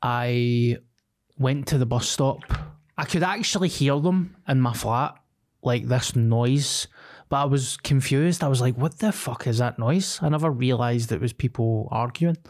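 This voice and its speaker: A man's voice: mid-range voice, measured pace, a little mellow. A man with a Glaswegian accent, co-hosting a podcast and casually telling sweary anecdotes in slang, drawing the story out. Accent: Glaswegian Scottish. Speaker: podcast co-host.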